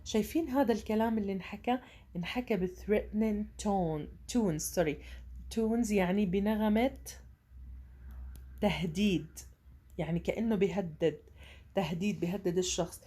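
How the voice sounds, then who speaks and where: Mellow-voiced woman teaching English. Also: medium pitch, breathy edge. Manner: reads English slowly, explains in Arabic. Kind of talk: bilingual reading lesson.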